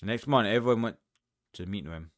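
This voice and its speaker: A man with a Scottish accent playing through a game, reading every character's lines aloud and shifting his pitch between the parts, close to the mic. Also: rapid-fire, slight background noise. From Scotland. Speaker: let's-play streamer.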